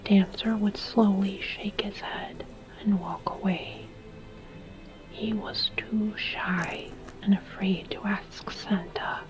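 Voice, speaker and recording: A woman telling a scripted story as gentle, deliberate whispered ASMR narration. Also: medium pitch, low-quality recording.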